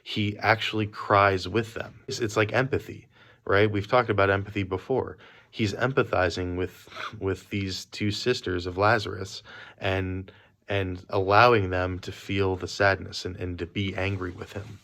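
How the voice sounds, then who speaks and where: A man with a deep, low voice leads a youth group through a relaxed devotional talk. He speaks from memory in an easy, conversational way. The talk is recorded on a phone at a quiet workplace. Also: measured pace.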